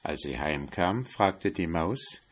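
Slow, calm male fairy-tale reader. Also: deep voice. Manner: calm and measured. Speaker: storyteller.

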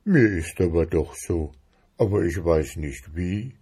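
A man voicing a slow, bewildered male beetle in a storybook reading, musing to himself. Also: deep voice, expressive, warm tone, slightly rough, heavily acted.

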